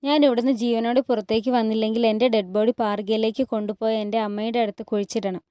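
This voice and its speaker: A woman voicing a young male pasha who speaks gravely and quietly as he prepares to face danger. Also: little pitch movement, fast, no room sound, studio quality, natural voice. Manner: grave, low-spoken.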